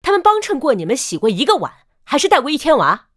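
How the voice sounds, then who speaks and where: A defiant older mother-in-law with a fairly high, lively voice. She speaks in a pointed, sardonic way, fed up with her family, in short-drama style. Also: fast talker. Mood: scornful. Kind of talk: melodramatic short-drama acting.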